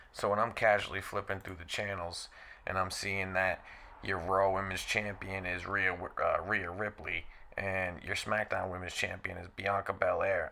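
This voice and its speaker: Man, very deep voice, thick gravel, bright forceful tone, blunt opinionated vlog rant. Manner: blunt, blustery, repeats his points. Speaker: wrestling commentary vlogger.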